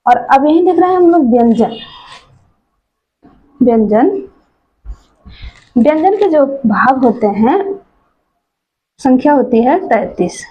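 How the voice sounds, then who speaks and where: Slow husky woman teacher. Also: high-pitched, animated, highs cut off. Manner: slow, repetitive drilling, reciting letters one by one. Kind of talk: exam-prep grammar lesson.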